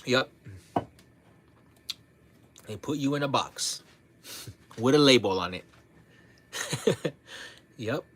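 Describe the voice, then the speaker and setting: A man talking casually to his livestream audience, relaxed and blunt, sprinkling his talk with "man" and "bro", often repeating and restarting his words. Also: medium pitch, very slow, pauses often, a little hiss or hum. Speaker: livestream host.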